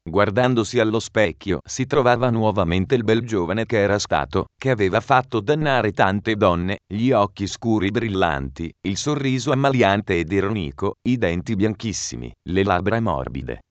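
A man reading a novel aloud in measured, even narration. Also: fairly low pitch, dry recording. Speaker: audiobook narrator. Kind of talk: scripted narration. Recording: dry, muffled recording.

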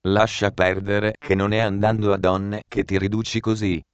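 A man's voice: lowish voice, little pitch movement, normal speed, clean tone, no echo, highs cut off, lightly acted. A man voicing a stern, protective male friend who speaks bluntly and insistently. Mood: earnest.

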